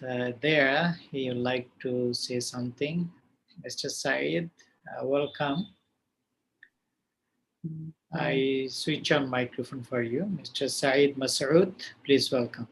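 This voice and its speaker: Male webinar host, gravelly, halting delivery full of fillers, video-call sound. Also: medium pitch, a bit bright, a little hiss or hum. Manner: halting, with many filler pauses. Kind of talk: online webinar moderation.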